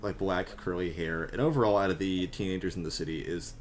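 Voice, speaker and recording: A man with a deep voice runs a tabletop game, describing scenes loosely and with lots of fillers. He sounds unscripted and easygoing. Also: a little fast. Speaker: game master.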